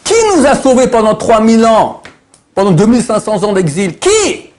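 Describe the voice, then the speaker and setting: A man, a rabbi, teaching a Torah lesson, animated and quizzing his listeners, dropping to low murmurs and rising to high exclamations. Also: fairly quick.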